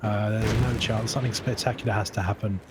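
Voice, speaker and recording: Joking man co-commenting over loud gunfire. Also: lowish voice, steady tone, quick pace, heavy background noise. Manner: joking, self-mocking asides. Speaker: esports co-commentator and admin. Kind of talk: casual color commentary. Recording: loud game gunfire and artillery behind the voice.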